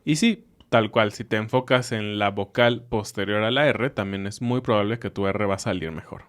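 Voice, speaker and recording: A man's voice: lowish voice, moderate pace, fairly bright tone. A man co-hosting a language podcast, explaining in casual teaching chat and repeating example words with emphasis. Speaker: podcast co-host.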